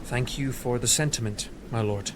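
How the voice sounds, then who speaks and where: A man's voice: mid-range voice, normal speed, heavy background noise, close to an everyday voice. An actor playing Mordred as a troubled, earnest young man at a medieval court in an audio drama. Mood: guarded, awkward.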